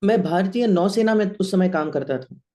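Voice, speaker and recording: A man's voice: high voice, normal speed, dark tone. A man interpreting a sermon line by line, speaking steadily with small restarts.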